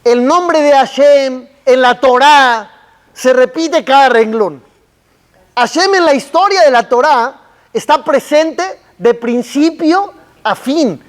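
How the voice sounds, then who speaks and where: A man, a rabbi, giving a sermon with slow, emphatic teaching and rhetorical questions. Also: very high-pitched, long reverb tail.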